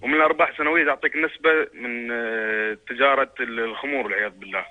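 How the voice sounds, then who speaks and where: A man's voice: mid-range voice, very fast. A man with a Gulf accent asking a question as a caller on a phone line. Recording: tinny narrow phone line.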